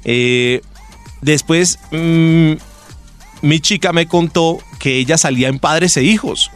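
A man's voice: a little high, slow. A man hosting a radio show, talking in a rambling, hesitant way in casual banter. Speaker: radio host. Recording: faint music behind.

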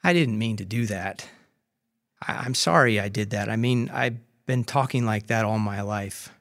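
A man voicing a bitter, hesitant man on the phone who talks haltingly with stammered restarts. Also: lowish voice, a bit bright, no echo, studio quality. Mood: subdued.

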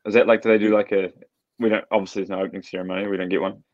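A man's voice: sits low, flat delivery, rapid-fire, darkish tone. A man with a New Zealand accent chatting casually as an athlete on a podcast, over a remote call. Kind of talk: casual chat. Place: hotel room, remote call. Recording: dull, lo-fi remote call audio.

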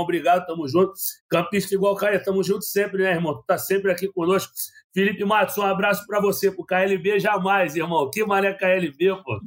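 High-voiced guy rambling on a podcast, coughing, dry mouth. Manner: chatty, rambling, many restarts. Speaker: sports reporter. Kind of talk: casual podcast chat.

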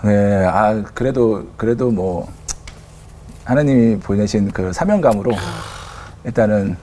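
A man's voice: on the low side, animated, measured pace, mellow, a little hiss or hum. A man working as a prison officer, telling stories as a guest in an interview and acting out the quotes. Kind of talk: storytelling in a talk show interview.

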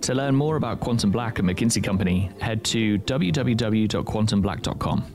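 A man's voice: lowish voice, moderate pace. A man hosting an interview series, reading a polished intro and then asking questions. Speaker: podcast host. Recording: music bed under the voice.

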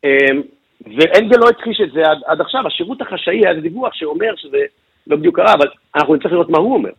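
A man's voice: fairly high pitch, expressive, husky, dull audio. A man working as a news correspondent, giving a detailed radio news briefing and walking through events step by step with filler sounds.

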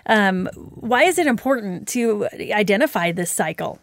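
A woman's voice: medium pitch, animated, normal speed, dry recording, studio quality. Affirming woman podcast co-host. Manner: warmly affirming, asks questions. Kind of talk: casual podcast conversation.

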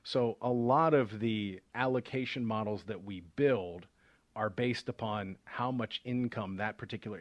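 Low-voiced guy hosting a money radio show, chatty explainer with lots of uhs, dry close sound. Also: no echo, lo-fi sound. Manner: conversational, with frequent fillers and restarts. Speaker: financial advisor and radio show host. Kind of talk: casual explanatory radio talk.

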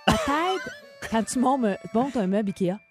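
A woman's voice: fairly high pitch, sing-song, unhurried. A Québécois woman in playful radio banter, laughing easily as she jokes with her co-hosts. Light music plays faintly under her voice. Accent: Québécois French. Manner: giggly and jokey, laughs often. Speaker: radio morning show co-host.

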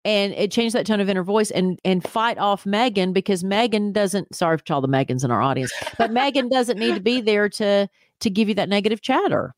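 A middle-aged woman from Tennessee co-hosts a podcast, telling chatty, self-deprecating stories. Her voice sits in an ordinary middle pitch, recorded dry and close to the mic. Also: fairly quick, few pauses, no room sound. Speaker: podcast co-host. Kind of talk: casual podcast chat.

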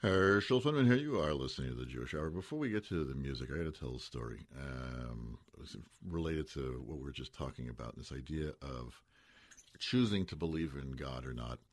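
Deep, husky male radio host. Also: dry recording. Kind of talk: radio talk show hosting.

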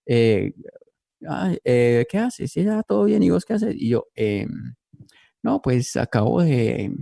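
A man hosting a podcast, telling a funny story in casual chat and jumping into squeaky voices when he quotes people. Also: slow pace, vocal fry, no echo, studio quality. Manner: animated, jumps into squeaky voices when quoting. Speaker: podcast host.

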